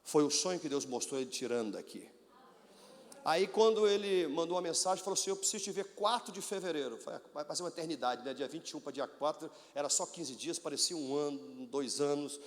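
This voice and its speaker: Brazilian pastor guy telling his story, kinda high voice, big echoey hall. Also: brisk. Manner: animated storytelling, acts out the voices of doctors and his mother. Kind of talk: sermon testimony. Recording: long hall reverb.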